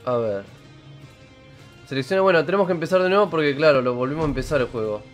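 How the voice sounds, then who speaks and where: Argentine man, 30s, casual live streamer, slightly high voice, chatty. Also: lively intonation, quick pace, faint music behind. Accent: Argentine Spanish. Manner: chatty, greets viewers while playing. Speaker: game streamer. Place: indoor room with purple lighting.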